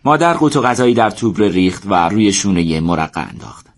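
A man narrating a story in a steady, measured way. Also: fairly low pitch.

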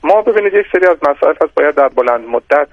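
A man giving measured, explanatory answers as an economist guest in a radio interview, with frequent hesitations and restarts. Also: fairly high pitch, animated, no room sound. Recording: dry, dull lo-fi radio sound.

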